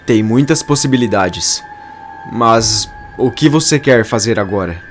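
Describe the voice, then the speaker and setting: Brief: man voicing steady soap companion, level and reasoning, faint music bed. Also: on the low side, a little slow. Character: young man, calm and supportive companion.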